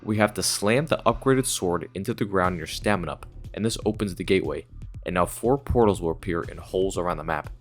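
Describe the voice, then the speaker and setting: A low male voice over faint music. He narrates a scripted gaming retrospective as the channel's host, explaining things casually like an enthusiastic fan. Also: brisk.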